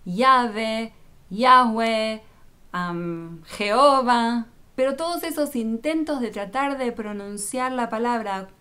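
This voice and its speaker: Woman, religious teacher, patient explainer, unhurried delivery, slightly high voice. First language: Spanish speaker, not Hebrew. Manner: patient, addresses viewer directly.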